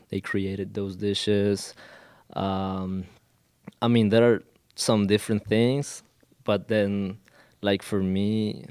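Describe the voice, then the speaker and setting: A young man from Colombia talks slowly and hesitantly in English, his second language, stopping often to find his words. His voice sits fairly low and sounds smooth and clear, and the recording is dry and close. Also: darkish tone, no echo. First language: Spanish. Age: 20s. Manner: hesitant, many fillers and restarts. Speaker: guest, college student. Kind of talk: casual interview.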